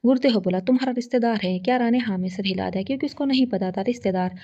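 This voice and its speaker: A woman narrating a romance story in a soft, steady reading voice, on a dull, dry recording. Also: mid-range voice, very fast, no echo.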